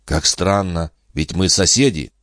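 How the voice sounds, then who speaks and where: A man's voice: low-pitched, unhurried, no echo, clean studio sound. Man playing a naive, eager peasant lad. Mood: earnest, puzzled. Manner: earnest, excitable, polite.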